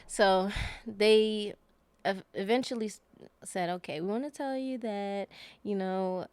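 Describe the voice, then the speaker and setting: A woman's voice: mid-range voice, unhurried, a little mellow, clear, resonant tone, no echo. A woman guest on a podcast, telling a personal story in a rambling, casual way with many fillers and self-corrections.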